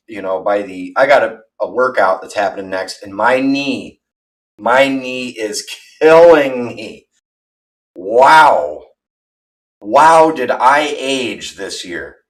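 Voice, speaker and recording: A man in his thirties chatting casually on a livestream, rambling and candid, poking fun at himself. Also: mid-range voice. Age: 30s. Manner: rambling, candid and self-deprecating. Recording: voice from far off the mic.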